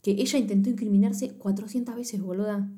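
A woman's voice: medium pitch, fairly even intonation, a little fast, mellow. A woman with a Rioplatense Spanish accent, co-hosting a podcast and retelling a series with lots of quoted dialogue and slang. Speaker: podcast co-host. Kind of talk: casual chat recapping a TV series.

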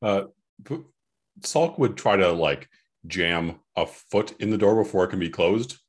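A man with a very low voice, playing his character in a tabletop game. His tone is husky, and he often eases in hesitantly before speaking. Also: expressive, a little slow. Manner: hesitant, starting with fillers. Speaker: player.

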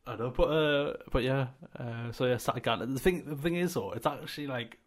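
Speaking fairly quickly at medium pitch, a young male podcast co-host rambles through a relaxed, casual chat. His talk is loose and packed with fillers.

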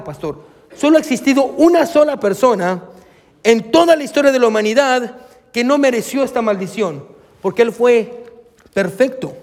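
A man's voice: extremely high pitch, a little mellow. A male pastor preaching a sermon emphatically, speaking straight to his congregation. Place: church. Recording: long reverb of a church hall.

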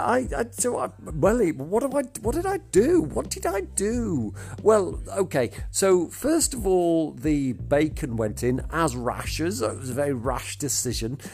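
Theatrical man, croaky with man flu. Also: mid-range voice, darkish tone. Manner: theatrical, florid wordplay. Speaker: podcast host. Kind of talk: chatty solo podcast monologue.

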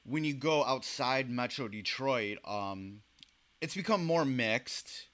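A man hosting a casual interview, asking loose, rambling questions. He fills his speech with "you know" and "like" as he goes. His voice sits at an ordinary middle pitch. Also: expressive, slow pace, a bit bright. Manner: leans on "you know" and "like" fillers. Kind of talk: casual conversation.

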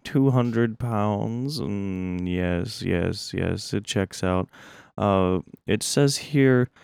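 A man doing a slow, humming oddball contestant. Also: on the low side, vocal fry, a little mellow, clean tone, dry recording, full character voice. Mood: slow, deliberate. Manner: drawn-out humming "mm" before every phrase. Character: strange slow-talking humming male contestant. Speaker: game show contestant. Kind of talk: improvised comedy character.

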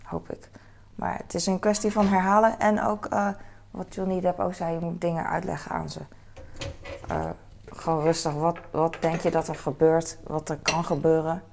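A woman in her thirties talks softly and casually as she handles objects, wandering from thought to thought and correcting herself. Her voice sits low and is heavily gravelly with vocal fry. Clattering dishes and noise fill the room around her. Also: flat delivery, normal speed. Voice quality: very gravelly, creaky voice. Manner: rambling, chatty, many fillers and self-corrections. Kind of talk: soft-spoken casual chat while handling objects.

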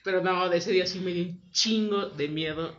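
A young woman with a Mexican accent telling a scary anecdote in casual chat, acting out the voices in her story. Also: moderate pace. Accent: Mexican Spanish. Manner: animated storyteller, acts out quotes with big pitch jumps. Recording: dull lo-fi audio.

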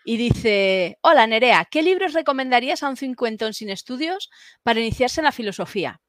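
Woman, host reading questions fast, slightly high, dry close sound. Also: lively intonation, dry recording. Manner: brisk, reads questions aloud quickly. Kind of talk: casual chat.

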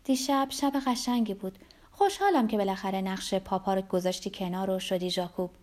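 A woman voicing a cheerful, self-confident young woman in an audiobook, speaking brightly and eagerly. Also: medium pitch, natural voice. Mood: pleased.

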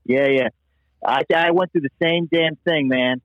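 A man from Pennsylvania calling in over a bad phone connection, telling a rambling, halting story. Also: fairly high pitch, dry recording. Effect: phone call over a bad connection. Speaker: caller. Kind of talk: call-in to a comedy podcast. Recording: dull lo-fi phone line.

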